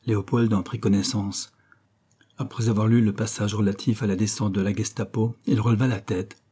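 A man narrating an audiobook in a measured, even storytelling manner. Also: fairly low pitch, breathy edge.

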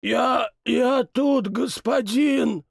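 A man's voice: very high-pitched, very slow, vocal fry, no echo, clean studio sound, pitched above the performer's own voice, full character voice. A man voicing a weak, wounded old stable groom who speaks in a faltering, deferential way. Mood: pained. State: weak, in pain.

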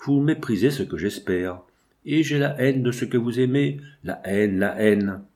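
A man's voice: medium pitch, lively intonation, unhurried, a little mellow. A man voicing a proud, blunt young man who speaks in a curt, cutting way in a read-aloud novel. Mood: harsh.

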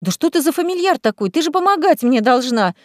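A bewildered young novice witch who keeps asking exasperated, startled questions, as a woman reads her part in an audiobook. Her voice sits a little high and sounds close and dry, with no room sound. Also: animated, fairly quick, darkish tone, no echo, lightly acted. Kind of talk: audiobook character voice.

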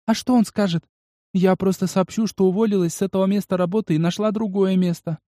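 A man's voice: fairly even intonation, brisk, warm tone, no room sound, clean studio sound, natural voice. Man doing a thin-voiced young waitress. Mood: resigned. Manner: thin, high-pitched.

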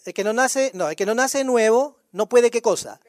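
A man's voice: extremely high pitch, moderate pace, darkish tone, dry recording. A male pastor preaching a sermon in a conversational way, firing rhetorical questions at the congregation.

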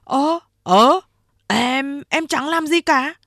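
A woman's voice: on the high side, sing-song, a little slow, a bit bright, no room sound, clean studio sound. A woman voicing a sly, sleazy young male underling who wheedles and plays innocent.

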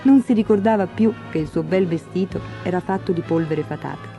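Woman storyteller, fairy tale reading, mellow warm tone, gentle, faint music behind. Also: on the low side, fairly quick. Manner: gentle, expressive read-aloud. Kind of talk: storybook narration.

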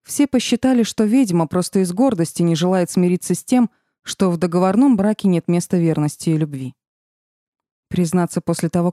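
A woman narrating a first-person fantasy audiobook in a measured, even storytelling manner. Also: lowish voice, dry recording, studio quality.

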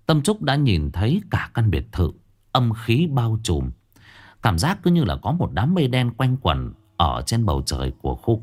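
A man narrating a ghost story in an expressive way. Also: lowish voice.

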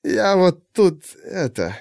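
Guy doing a shifty middle-aged husband, mumbly and slow, dry audiobook voice. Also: high voice, very animated, vocal fry, no echo, voice pushed up, full character voice. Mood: evasive. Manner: mumbling, evasive, hushed. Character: furtive middle-aged man, meek then snapping.

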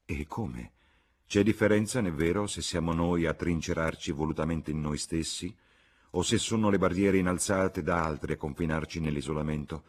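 A man reading an audiobook, voicing a haughty, aloof young gentleman in a measured, husky voice. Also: low voice.

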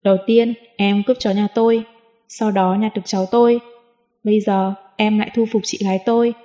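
Teasing young man in a storybook reading, voiced by a woman narrator; dark, muffled sound. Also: medium pitch, little pitch movement, brisk, close to an everyday voice. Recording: dull lo-fi audio with long reverb.

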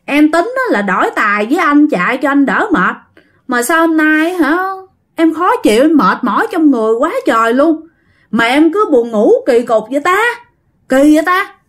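A woman's voice: sits high, animated, moderate pace, fairly bright tone, pitched above the performer's own voice. A woman voicing a confused, tired young man, asking bewildered, whiny questions.

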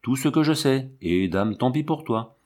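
A man's voice: medium pitch, expressive, normal speed, darkish tone, voice pushed up, lightly acted. A man reading the part of a defiant fifteen-year-old girl who speaks in an indignant, cutting way in a storybook reading. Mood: cold threat.

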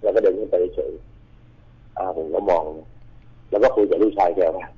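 A man's voice: deep voice, steady tone, moderate pace, breathy edge. A man calling in to a radio show, telling a ghost story in a rambling way and quoting the people in it. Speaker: caller. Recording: dull lo-fi radio sound.

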